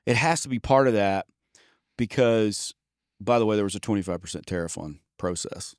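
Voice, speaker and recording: Low-voiced man in casual sales chat. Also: fairly quick, no echo, clean studio sound. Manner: folksy, joking, trails off and restarts words. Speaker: podcast co-host and sales trainer.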